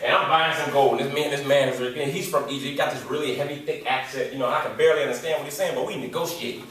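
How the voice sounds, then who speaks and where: A man in his forties from Detroit with an American accent, telling a lively story as a youth speaker, slangy and repeating words for emphasis. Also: medium pitch, quick pace. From Detroit, USA. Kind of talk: motivational storytelling talk. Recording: echoey hall, distant mic.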